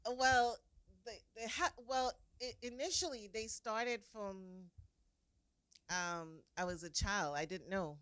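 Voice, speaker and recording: A woman with a Jamaican accent, speaking earnestly as an interview guest and trailing off softly at the ends of her phrases. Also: mid-range voice, measured pace, clear, resonant tone, dry recording. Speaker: guest, author and preacher. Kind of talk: casual interview.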